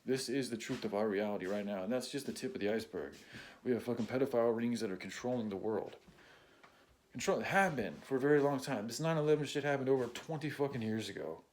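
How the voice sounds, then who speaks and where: A man in an unscripted personal rant, blunt and heavily profane, close to tears and often clearing his throat. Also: mid-range voice, a little mellow, a little hiss or hum. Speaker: vlogger.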